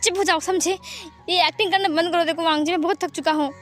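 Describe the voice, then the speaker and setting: A woman's voice: very high voice, steady tone, fast talker, faint music behind. A woman voicing an irritated, tired young husband who scolds his childlike partner, in a fan fiction reading. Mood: exasperated. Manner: exasperated, scolding.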